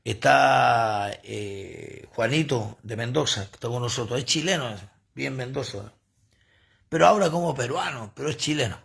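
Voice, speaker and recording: A man preaching a livestreamed sermon on his phone, animated and full of asides to the viewers. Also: mid-range voice, normal speed, gravelly, breathy edge.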